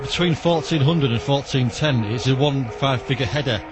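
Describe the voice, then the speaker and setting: A man's voice: mid-range voice, normal speed. A man in an outdoor radio interview, answering in a detailed, matter-of-fact way as a radio enthusiast guest. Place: outdoors in a back alley. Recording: outdoor background noise.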